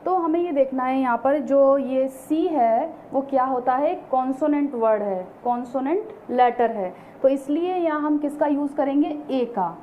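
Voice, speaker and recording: Female teacher, high voice, patient, rhetorical questions to the class; tinny online-class audio with faint hiss. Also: animated, a little slow, hardly any pauses. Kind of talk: online grammar lesson.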